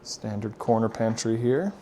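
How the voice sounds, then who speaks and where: A man's voice: fairly low pitch, measured pace, dark tone, a little hiss or hum. A man working as a real estate agent gives a casual walk-through home tour in an upbeat, enthusiastic manner.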